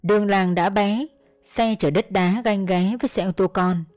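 A woman narrating a first-person story in a steady storytelling manner. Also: medium pitch, moderate pace, dry recording. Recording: dry close mic, faint music.

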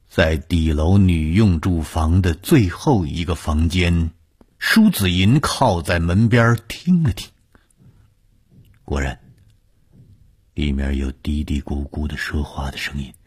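A man narrating a horror audiobook slowly, building suspense. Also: a bass voice, slightly rough. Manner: slow, suspenseful storytelling. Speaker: storyteller.

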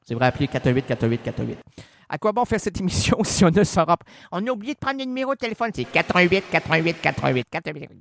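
Goofy québécois radio guy, kinda high voice, long echo tail on it. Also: very animated, quick pace, creaky, a bit bright. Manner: playful, absurd, jumps between silly bits and a reading voice. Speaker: community radio host. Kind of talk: zany radio banter and mock classified ads. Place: radio studio.

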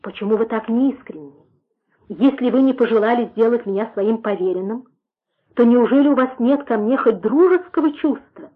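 Woman reader doing a young man, pleading, impassioned, husky, tinny phone-like audio. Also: fairly high pitch, normal speed. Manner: impassioned, questioning. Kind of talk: audiobook reading.

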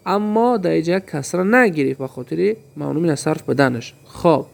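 Male teacher with a gravelly, fairly high voice, who drills example words slowly and answers his own questions. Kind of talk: grammar lesson.

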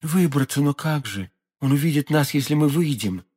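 A man voicing a devoted young woman in an audiobook, hushed, pleading and fearful. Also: fairly high pitch, expressive, moderate pace, husky. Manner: hushed, pleading, often whispered.

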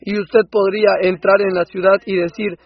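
Male preacher for a sermon dub: high, husky, impassioned, swells into loud outbursts, dull lo-fi sound. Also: little pitch movement, moderate pace. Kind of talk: Spanish voice-over of a sermon.

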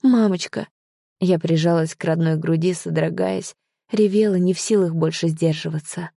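A woman reading an audiobook, narrating the story in an even storytelling manner. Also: on the low side, moderate pace, creaky, no echo, studio quality. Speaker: audiobook reader. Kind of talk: scripted narration.

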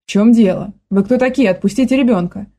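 A woman voicing a spiteful old grandmother who barks and scolds in a hoarse, smoky voice. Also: on the high side, fast, warm tone. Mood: shrill scolding. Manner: barking, scolding.

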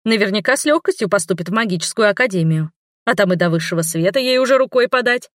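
A woman's voice: mid-range voice, lively intonation, fast, dry recording, studio quality, lightly acted. Woman doing a bossy, fiery nun. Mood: effusive. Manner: insistent, loud and scolding. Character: bossy, hot-tempered middle-aged nun.

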